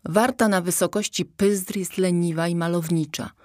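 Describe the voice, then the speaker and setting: Low-voiced woman reading a story. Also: fairly even intonation, normal speed, no room sound, clean studio sound. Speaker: audiobook reader. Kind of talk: scripted children's story narration.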